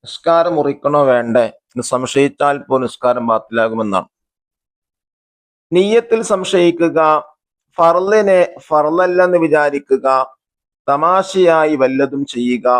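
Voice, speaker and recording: A man's voice: a little high, a little slow, pauses often. Man explaining a religious textbook lesson. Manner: reads the textbook aloud, then explains and glosses terms; asks questions and answers them himself. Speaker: religious school teacher.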